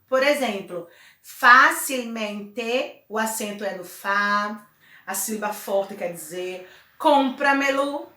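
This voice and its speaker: A Brazilian woman teaching a Spanish lesson, her voice bright and clear and a little high for a woman. She talks slowly and patiently, dwelling on each example word. The room gives her voice a noticeable echo. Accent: Brazilian Portuguese. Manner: friendly, chatty explaining with frequent "tá?" and "né?"; slows down to spell out example words. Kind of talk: recorded remote class lesson.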